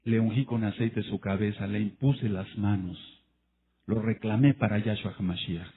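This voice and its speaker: A man preaching a sermon, emphatic and addressing his listeners directly, breaking into loud bursts of emphasis. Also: fairly low pitch, fairly even intonation, normal speed, slight background noise. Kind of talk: sermon with acted quotes. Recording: tinny phone-like lo-fi audio.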